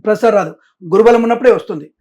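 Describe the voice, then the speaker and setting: A man's voice: high-pitched, rapid-fire, a little mellow, muffled recording. A middle-aged man speaking as a Vedic astrologer in an interview. He talks emphatically and insistently, stresses himself again and again, and slips English phrases in among his sentences. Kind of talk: interview answers.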